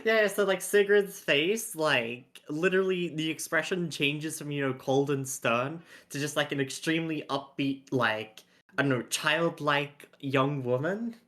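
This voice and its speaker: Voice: medium pitch, a little slow, fairly bright tone. A player in a tabletop game who chats casually and giggles, full of "like" fillers.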